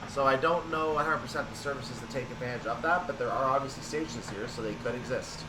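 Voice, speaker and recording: A male video game streamer plays a train simulator, thinking aloud with explanatory, methodical commentary. His mid-range voice moves fast over a noisy background.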